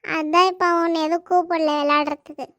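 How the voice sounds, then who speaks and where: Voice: extremely high pitch, flat delivery, fairly quick, a bit bright, no echo. A performer voicing a teasing, bossy girl in a family comedy cartoon, explaining things matter-of-factly and giving orders. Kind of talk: family comedy skit dialogue.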